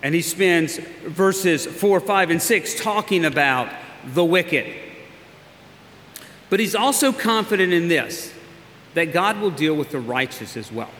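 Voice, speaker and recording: A man preaching a sermon as a pastor, earnest and emphatic, with slow pauses for weight. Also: a little high, expressive, fairly bright tone. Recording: long hall reverb, faint hiss.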